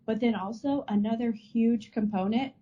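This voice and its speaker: A woman's voice: on the high side, moderate pace, lo-fi sound, slight background noise. A woman co-hosting a casual podcast, speaking thoughtfully with frequent restarts over a remote connection. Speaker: podcast co-host. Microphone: remote call mic.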